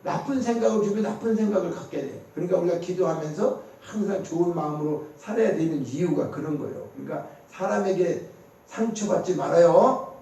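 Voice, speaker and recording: A man's voice: high-pitched, a little fast, vocal fry, dark tone. A man preaching a sermon as a pastor, putting questions to the congregation and answering them himself. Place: church sanctuary. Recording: echoey church hall, distant mic.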